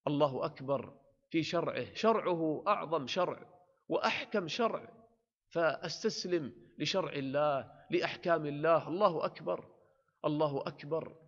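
A man's voice: on the high side, moderate pace. A man delivering an earnest sermon, his voice rising with emphasis as he exhorts listeners. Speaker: preacher. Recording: dull sound with long hall reverb.

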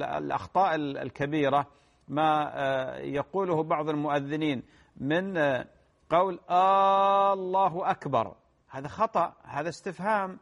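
Measured Arabic-speaking scholar answering questions. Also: male voice, a little high. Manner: measured, repeats key phrases, clears throat. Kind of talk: religious Q&A lecture.

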